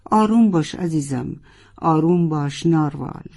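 A storyteller voicing a kind sunfish who softly comforts a frightened young narwhal. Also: mid-range voice, close to an everyday voice. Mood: soothing. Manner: soft, soothing, tender. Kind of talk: children's audiobook acting.

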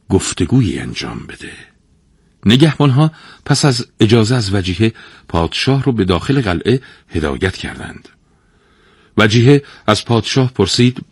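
A man narrating a folktale in an expressive, dramatic storytelling manner. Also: lowish voice, husky, no echo, studio quality.

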